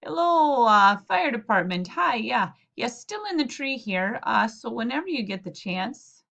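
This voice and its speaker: A woman's voice: a little high, big pitch swings, unhurried, creaky, a bit bright, full character voice. A woman voicing a flustered middle-aged uncle in a storybook who keeps phoning for help, sheepish and hesitant, full of "uh"s, on a slightly dull lo-fi recording. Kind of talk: storybook read-aloud.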